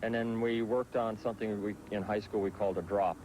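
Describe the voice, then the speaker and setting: This man in his thirties talks a little fast on a rough recording with a little hiss or hum. A pro baseball pitcher born in the Netherlands and raised in Southern California, he responds to interview questions casually, with many fillers.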